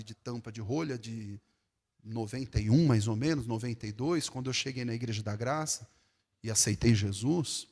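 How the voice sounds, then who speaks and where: A middle-aged man with a São Paulo accent, preaching a sermon as pastor, talking conversationally and then bursting out loudly. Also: medium pitch. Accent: Brazilian Portuguese, São Paulo. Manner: conversational preaching with sudden loud exclamations. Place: church hall. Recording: echoey church hall.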